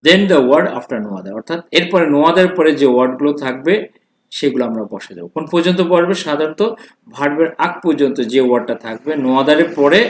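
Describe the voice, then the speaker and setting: A male English teacher leads a grammar lesson in a classroom, moving back and forth between two languages and frequently posing questions he answers himself. His voice is mid-range and reverberant.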